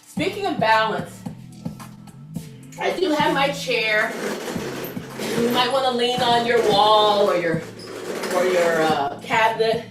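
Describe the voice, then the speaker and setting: A woman's voice: a little high, a bit bright. A woman aerobics instructor leading an exercise class, encouraging and chatty as she counts and cues each move. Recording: roomy, distant mic, music behind.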